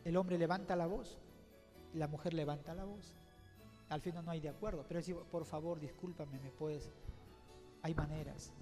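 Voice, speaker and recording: A male pastor preaching a sermon, swinging between calm teaching and emphatic outbursts, acting out little quotes from the people he describes. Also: a little high, moderate pace. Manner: preaching, rising to emphatic outbursts and quoting others in little acted voices. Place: church. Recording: church hall reverb with background music.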